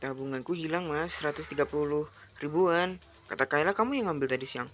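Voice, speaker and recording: A woman's voice: deep voice, a little fast, natural voice. A woman reading the part of a frightened young wife in a game, pleading and tearful. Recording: loud background noise.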